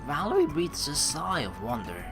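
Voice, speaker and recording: A let's play streamer reads story dialogue aloud over game music, throwing in animated, joking, sarcastic reactions. The voice is mid-range at a normal speed.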